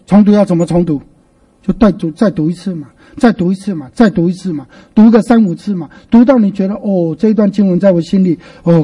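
A man preaching as pastor, asking the congregation questions and repeating key words slowly for emphasis. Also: high voice, mellow, far from the mic. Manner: asks the congregation questions and answers himself. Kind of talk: sermon.

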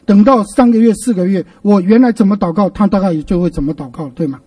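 A middle-aged man, preaching a sermon as a pastor and telling stories with lively rhetorical questions, recorded from a distant mic on a radio broadcast. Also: sits high, fast talker, no echo.

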